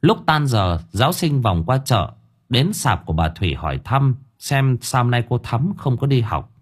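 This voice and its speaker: Brief: male audiobook narrator, deep husky voice, animated intonation. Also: normal speed. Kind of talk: scripted narration.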